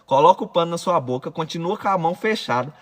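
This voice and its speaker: A man's voice: a little high, lively intonation, fast, fairly bright tone. A man with a Brazilian accent guiding listeners through a visualization exercise, giving urgent, commanding directions as a course instructor. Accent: Brazilian Portuguese.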